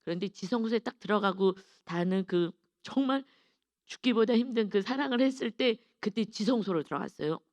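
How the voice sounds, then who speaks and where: A woman's voice: medium pitch, lively intonation, a little fast, dry recording. A middle-aged woman pastor giving an earnest, confessional dawn sermon with emphatic stresses.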